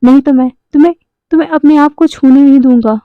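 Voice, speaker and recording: A gentle young uncle from a romance story who soothes and pleads, as a woman narrator puts him on. The voice sits high, and the recording is muffled and dry with no room sound. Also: quick pace, no room sound, close to an everyday voice. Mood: soothing. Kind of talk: storytelling voice acting.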